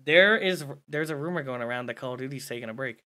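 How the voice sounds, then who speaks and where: A man hosts a loose gaming podcast among friends. His voice is bright and forceful, and he chats freely, swearing casually and laughing often. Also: medium pitch, quick pace. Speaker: podcast host.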